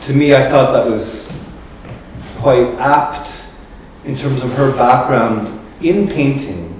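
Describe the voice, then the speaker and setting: Hosting a talk for visitors about an artist, a mid-range-voiced male curator speaks slowly and thoughtfully, pausing to find his words. The mic sits far from him in a big, highly reverberant gallery, with steady background noise throughout.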